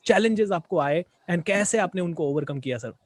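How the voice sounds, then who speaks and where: High-voiced enthusiastic male interviewer. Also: lively intonation, normal speed, no echo. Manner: enthusiastic, emphatic. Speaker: interview host, motivational program. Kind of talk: interviewer, Hindi-English mix.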